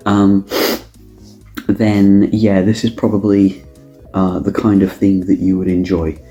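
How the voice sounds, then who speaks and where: A drinks taster reviews canned cocktails in a casual tasting, thinking aloud with lots of ums and restarts as she samples a drink. The voice is low-pitched and mellow, with a lo-fi sound.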